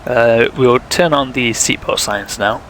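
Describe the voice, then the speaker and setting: A young man with a sore throat chats casually while streaming a flight sim, thinking aloud and talking to viewers. His medium-pitched voice is a bit bright and measured in pace, and the low-quality recording carries a little hiss or hum.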